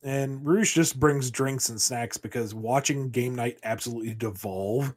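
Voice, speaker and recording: A man's voice: medium pitch, measured pace. A man in casual podcast chat, playfully riffing on comic scenarios as a co-host.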